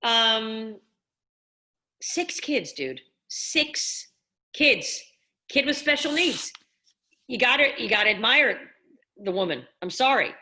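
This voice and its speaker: A woman's voice: a little high, sing-song, slow, long pauses, sharp tone. Tipsy woman rambling on a live stream. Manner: rambling, self-questioning, slightly slurred. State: tipsy from wine. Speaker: host.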